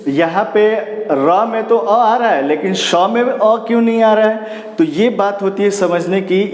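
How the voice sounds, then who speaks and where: In a spoken English lesson, a high-pitched man with a somewhat dark tone teaches basic spelling, posing questions and answering them himself while praising each step with "very good." The room is echoey, with a long reverb tail trailing his words.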